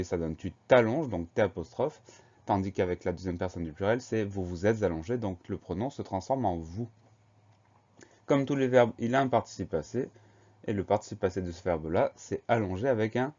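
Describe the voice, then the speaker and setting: A man teaching a spelling lesson, spelling each word slowly and carefully, letter by letter. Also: on the low side, dark tone, lo-fi sound.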